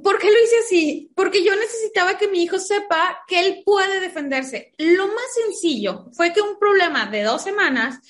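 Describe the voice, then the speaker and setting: A woman, a mother, giving an interview and explaining her parenting views through lively anecdotes. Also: very high voice, normal speed, few pauses. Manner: lively anecdotes, acts out quoted dialogue. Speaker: guest, a mother of school-age children. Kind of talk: conversational interview storytelling.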